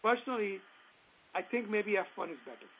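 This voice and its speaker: A man's voice: high-pitched, brisk. A man with a North Indian accent hosting a call-in advice session, plain-spoken and reassuring. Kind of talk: advisory call-in talk. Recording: dull radio-like sound with faint noise.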